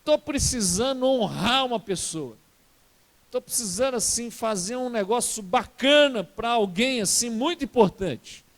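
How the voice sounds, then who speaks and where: A man's voice: extremely high pitch, lively intonation, unhurried, big-room sound, full character voice. A preacher voicing a chatty Persian king. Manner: chatty, colloquial retelling voice. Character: Persian king, casual and easily swayed.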